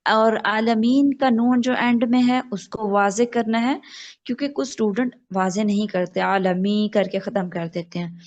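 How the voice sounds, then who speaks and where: A woman leads an online tajweed lesson, explaining pronunciation patiently and repeating phrases slowly. Her voice sits mid-range for a woman. The call audio is slightly muffled. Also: medium pitch, a little mellow. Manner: patient, instructive, models recitation slowly. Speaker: Quran recitation teacher.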